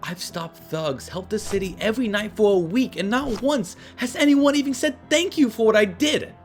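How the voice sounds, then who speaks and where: A man voicing a wry, earnest teenage boy superhero in an animated series. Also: high voice, normal speed, faint music behind, lightly acted. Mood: conflicted. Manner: wry, youthful.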